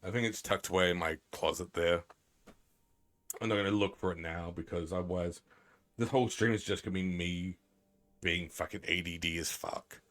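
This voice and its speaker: A man's voice: sits low, steady tone, moderate pace, fairly bright tone. A man streaming a game live, chatting in a rambling, profane, self-mocking way. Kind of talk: casual live-stream commentary.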